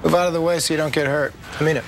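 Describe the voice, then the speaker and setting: Mischievous buddy, fast and fairly high, breezy, comedic commercial, vehicle noise behind. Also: male voice, steady tone, gravelly. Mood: breezy, teasing. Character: breezy, teasing friend threatening mischief.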